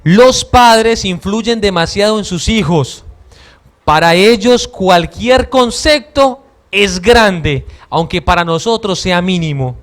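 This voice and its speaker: High-voiced earnest Colombian man preaching. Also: expressive, slow pace, fairly bright tone. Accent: Colombian Caribbean. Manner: earnest, repeats words and stumbles often. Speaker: lay preacher.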